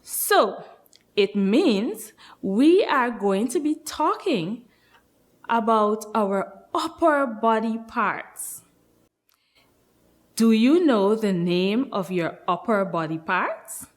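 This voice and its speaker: Female kids show host and nursery teacher, very animated delivery, unhurried, encouraging, leaves room for answers. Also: on the high side. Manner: slow, encouraging, sing-song questions with pauses. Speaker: nursery teacher hosting a children's lesson. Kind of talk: kids show host addressing young children.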